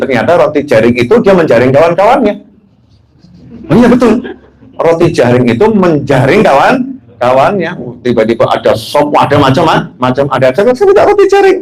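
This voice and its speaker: Indonesian preacher telling anecdotes. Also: male voice, medium pitch, darkish tone, poor audio. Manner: anecdotal and joking, asks the audience questions. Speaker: habib preacher. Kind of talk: religious talk.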